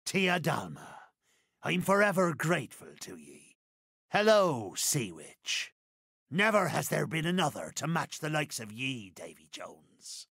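Gravelly, swaggering pirate Captain Barbossa. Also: male voice, on the high side, huge pitch swings, bright, forceful tone, no room sound, clean studio sound, full character voice. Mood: sardonic greeting. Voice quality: gravelly, creaky. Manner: theatrical, drawn-out archaic pirate speech. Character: swaggering, sly pirate captain, grandly courteous middle-aged man. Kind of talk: video game character voice lines.

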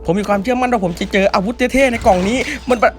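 A young man hosting a gaming channel, giving excited gameplay commentary with loud exclamations and swearing. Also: extremely high pitch, very fast.

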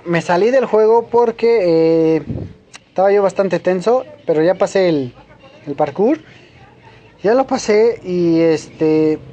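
A man's voice: on the high side, dark tone. A man giving let's play commentary, repeating short phrases and growing easily frustrated. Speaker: gamer. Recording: dull lo-fi mic.

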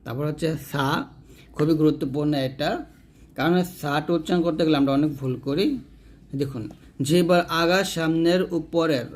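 Guy teaching arabic letter sounds, kinda high voice, slow and patient, says each letter over and over. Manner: asks questions and answers them himself. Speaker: Quran teacher. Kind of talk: step-by-step pronunciation lesson.

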